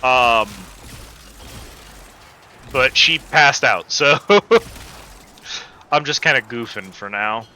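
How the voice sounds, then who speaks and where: Playing a video game with its music running behind, a livestream host chats casually and effusively with viewers. The mid-range, sharp-toned voice has lively intonation but moves very slowly and pauses often.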